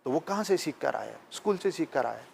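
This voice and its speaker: A man's voice: fairly high pitch, lively intonation, gravelly, a little mellow, breathy edge. A man, a talk-show guest, patiently lecturing with emphatic examples. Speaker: guest speaker. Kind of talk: explanatory talk-show discussion.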